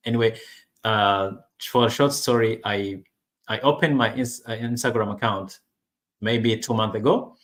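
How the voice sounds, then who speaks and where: This man from Rwanda, an online business vlogger, gives a casual personal talk to camera in English, his second language, stopping to restart and filling pauses a lot. His voice is fairly low and a bit bright, unhurried, with fairly even intonation.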